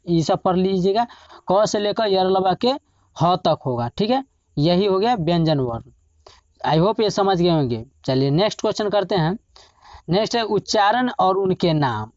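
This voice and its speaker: A teacher walks exam students through a grammar lesson, repeating each point and posing questions before answering them. Sounds are sometimes drawn out slowly to demonstrate them. The recording is muffled and lo-fi, with a dry sound and no room echo. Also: mid-range voice, darkish tone.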